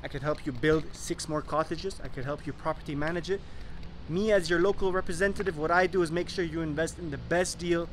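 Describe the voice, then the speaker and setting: A man's voice: fairly quick, a little hiss or hum. A young man hosting a property vlog, speaking persuasively to a phone held at arm's length outdoors at a sunny mountain resort. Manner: upbeat and persuasive, pitching to investors. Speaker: real estate investor and vlog host. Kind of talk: enthusiastic sales vlog to camera. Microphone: phone held at arm's length, selfie video.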